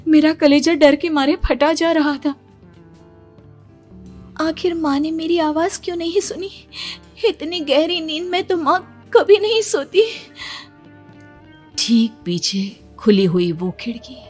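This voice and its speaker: Young woman, horror story narrator, scripted, suspenseful, slow. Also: high-pitched.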